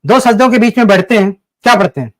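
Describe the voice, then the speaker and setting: A man with a very high voice hosts a live debate call-in. He presses insistently and asks the same pointed question again and again. The sound is dry and close, with no room in it. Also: lively intonation, no echo. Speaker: host questioning a caller.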